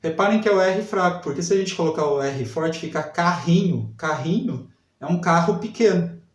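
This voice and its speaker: A man teaching a literacy lesson, sounding out syllables slowly and repeating each word. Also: a little high, lively intonation, far from the mic. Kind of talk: slow spelling lesson for adult learners. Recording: echoey room, voice set back from mic.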